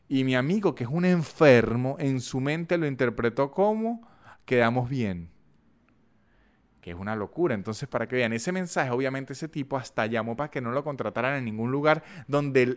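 A podcast host with a Venezuelan Andean accent talks in a relaxed, chatty monologue. His voice is smooth and clear, pitched in an ordinary middle range, and he tells his points as lively little stories. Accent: Venezuelan Andean (gocho). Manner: animated, chatty storytelling with acted-out voice notes.

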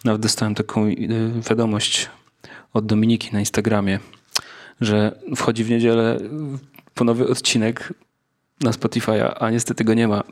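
A man's voice: fairly low pitch, completely flat delivery, moderate pace. A Polish man hosting a podcast informally, reflective and often searching for his words. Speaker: religious podcast host.

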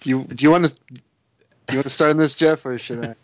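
A man's voice: medium pitch, fast, no room sound. Guy rambling about movie scenes, lots of uhs, dry dull mic. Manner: chatty, hesitant with fillers, laughs easily. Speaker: podcast co-host. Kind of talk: casual chat.

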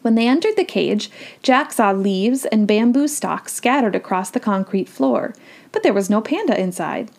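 A woman's voice: mid-range voice, animated, normal speed, creaky, a little mellow. A woman reading a children's storybook aloud, with chatty, playful asides. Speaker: children's book reader.

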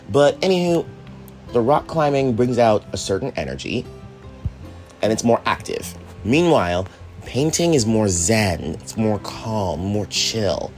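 Low-ish guy rambling thru a chill solo talk, swears a bit, jokes at himself, quiet music under it. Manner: rambling, self-deprecating asides with casual swearing. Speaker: podcast host. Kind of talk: casual reflective monologue.

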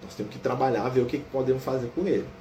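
A man with a Brazilian Portuguese accent leads a study group, reading a religious text aloud slowly and then explaining it casually, tagging almost every phrase with a question. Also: medium pitch, mellow. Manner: reads quoted passages slowly and deliberately. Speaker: study group leader reading a spiritual book. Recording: roomy echo with faint ambient noise.

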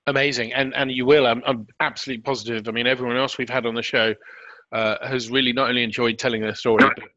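A man's voice: mid-range voice, level tone, fast talker, sharp tone, no room sound. A middle-aged man hosting an interview podcast in a conversational, encouraging way. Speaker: podcast host. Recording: dry, slightly dull lo-fi audio.

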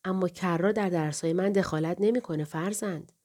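A woman voicing an elderly male scholar who is kind and grieving, speaking softly and affectionately. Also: fairly low pitch, close to an everyday voice. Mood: gentle. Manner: soft, affectionate, slow.

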